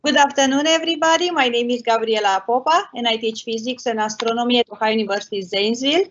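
A woman's voice: on the high side, quick pace. A woman, introducing herself as a physics professor on a panel over a video call, precise and slightly formal. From Romania. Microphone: video call webcam. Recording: muffled video-call audio.

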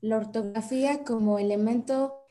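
A woman's voice: a little high, steady tone, moderate pace, mellow. A woman narrating a recorded lesson in a formal, definitional way. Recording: faint background noise.

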